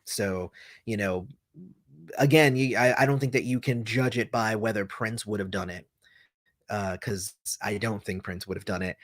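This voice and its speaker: A man hosts a casual livestream in a medium-pitched voice, reading chat messages aloud and rambling as he answers, with frequent fillers and restarts. The audio is clean studio sound with no room noise.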